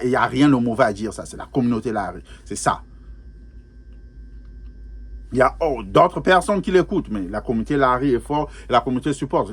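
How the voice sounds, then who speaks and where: Chatty man laughing through rap commentary. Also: medium pitch. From Congo. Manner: chatty, laughing, teasing, repeats himself. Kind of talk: casual spoken commentary.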